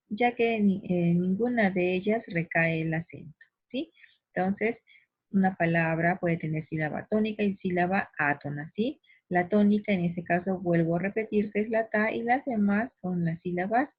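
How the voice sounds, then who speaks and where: A woman teaching a grammar lesson, patient and explanatory, slowing down to stress syllables and speaking directly to the listener. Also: mid-range voice, no echo. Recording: dry phone-like recording, husky.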